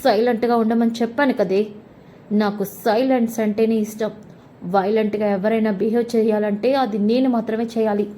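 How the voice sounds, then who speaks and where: A woman voicing a hot-tempered, domineering young man with a harsh, shouting manner, in a retold TV serial. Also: on the high side, fairly even intonation, normal speed, slight background noise, natural voice.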